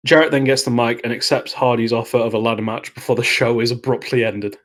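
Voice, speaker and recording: A man's voice: medium pitch, fast. Easygoing male podcast co-host. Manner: relaxed, lays out match events play by play. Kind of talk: casual recap chat.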